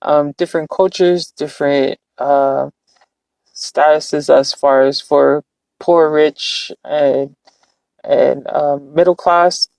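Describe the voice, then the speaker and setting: A live-streamer from California talks slowly and earnestly, reflecting aloud and rambling through restarts. The voice sits in a middle pitch. The sound is dry and close, with no room echo. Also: steady tone, vocal fry, a little mellow. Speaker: livestreamer. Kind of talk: casual live-stream talk.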